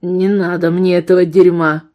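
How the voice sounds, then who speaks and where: A woman's voice: on the low side, level tone, moderate pace, muffled recording, lightly acted. A woman reading the lines of a brutal, threatening male ex-convict gunman in an audiobook, barking coarse threats. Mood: menacing.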